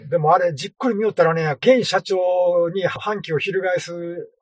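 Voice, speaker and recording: A man co-hosting a casual movie review chat, making soft, mumbled comments. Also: high voice, moderate pace, breathy edge, no room sound. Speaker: podcast co-host.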